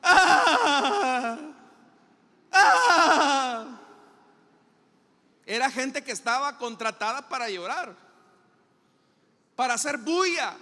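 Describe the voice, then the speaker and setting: A man's voice: very high-pitched, pushed and bright, big-room sound. A male pastor with a Salvadoran accent preaching a dramatic sermon in a church, full of rhetorical questions and acted-out scenes.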